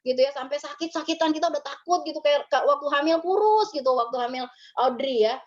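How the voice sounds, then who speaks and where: Very high-voiced woman preaching. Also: fast, highs cut off. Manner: conversational, tags phrases with ya and gitu. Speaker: pastor. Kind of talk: sermon at a memorial service.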